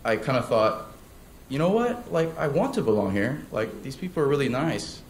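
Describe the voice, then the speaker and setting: A young man born in South Korea shares his personal testimony at church, hesitating with many fillers and restarts. His medium-pitched voice swings widely in pitch at a moderate pace. The recording sounds roomy, with faint ambience and slight background noise.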